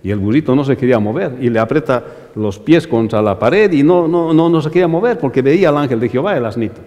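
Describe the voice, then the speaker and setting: A male pastor preaching a sermon emphatically, rising on repeated phrases and dropping low at the ends of lines, speaking directly to his brothers in the congregation. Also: lively intonation, fast, warm tone, long reverb tail.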